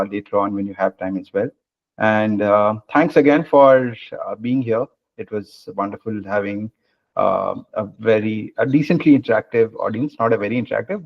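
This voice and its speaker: A man's voice: on the low side, creaky. A man hosting a webinar over a video call, speaking casually with many hesitant fillers. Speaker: webinar host. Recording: muffled video-call audio.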